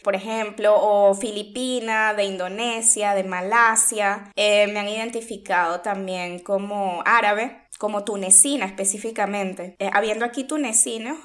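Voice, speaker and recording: A woman from the Caribbean with a soft Caribbean Spanish accent, chatting in a lively, amused way. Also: mid-range voice. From Caribbean Latin America. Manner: lively, amused, laughs between phrases. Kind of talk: casual conversation.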